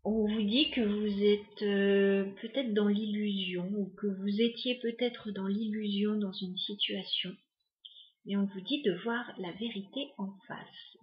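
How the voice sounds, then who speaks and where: A woman giving a casual tarot reading to her viewers, musing and hesitant with many pauses and fillers. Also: medium pitch, steady tone, roomy sound, muffled recording. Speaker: tarot card reader.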